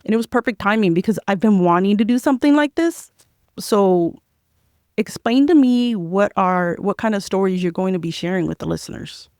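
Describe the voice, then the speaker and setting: A woman's voice: medium pitch, lively intonation, moderate pace, darkish tone, no room sound, studio quality. A woman hosting a podcast, chatting in an upbeat, enthusiastic way with her guest. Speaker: podcast host. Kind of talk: casual interview chat.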